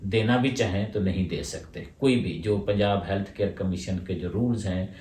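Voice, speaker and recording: A man's voice: sits low, moderate pace, darkish tone, recorded from a distance. A man, a homeopathic doctor answering questions and explaining his points in order. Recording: roomy echo, voice from away from the mic.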